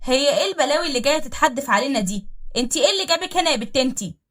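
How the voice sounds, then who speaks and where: A woman with an Egyptian accent voicing a jealous, spoiled young wife who nags and scolds loudly in a spoken story. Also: sits high, animated, racing, voice pushed up. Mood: scornful. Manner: loud, scornful, nagging.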